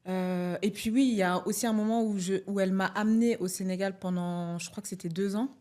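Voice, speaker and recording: A woman's voice: medium pitch, steady tone, a little fast, a little mellow. A middle-aged woman from France, speaking as a podcast guest, hesitant and full of fillers. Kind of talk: casual podcast conversation.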